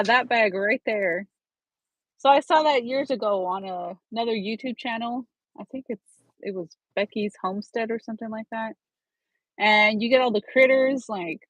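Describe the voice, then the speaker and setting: A woman's voice: on the high side, a bit bright, dry recording, low-quality recording. A woman hosting a casual live-stream chat, talking in a rambling way with frequent restarts. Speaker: channel host.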